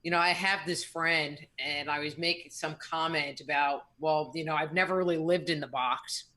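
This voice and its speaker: A woman's voice: deep voice, fairly even intonation, moderate pace, pushed and bright. A woman co-hosting live radio in casual chat, talking in a reflective, rambling way with frequent restarts. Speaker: radio show co-host.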